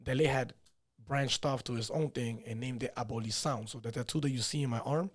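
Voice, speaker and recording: Speaking briskly in a mid-range voice, a man in his thirties tells his life story as a podcast guest. He's a fighter, born in Peru with Spanish as his first language, and he meanders casually, leaning on "you know" and "man" a lot in this storytelling interview.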